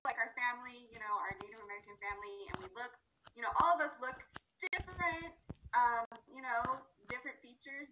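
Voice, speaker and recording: A woman teacher talking chattily to her class, laughing now and then. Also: fairly high pitch. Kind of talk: lesson on a video call. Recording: noisy recording.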